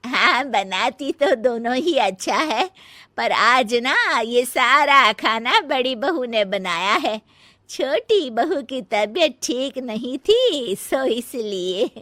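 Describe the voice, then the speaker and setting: A woman voicing a mother-in-law in a cartoon family drama, a matriarch instructing her daughters-in-law in a drawn-out manner. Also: fairly high pitch, lively intonation, pushed and bright, no echo, clean studio sound, full character voice. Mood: matter-of-fact.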